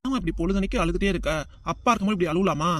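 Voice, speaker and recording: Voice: medium pitch, rapid-fire, no room sound, pitched below the performer's own voice, lightly acted. A woman voicing a grumpy but caring middle-aged father in a cartoon, with a southern Tamil accent and a grumbling way of talking. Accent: southern Tamil, Tirunelveli.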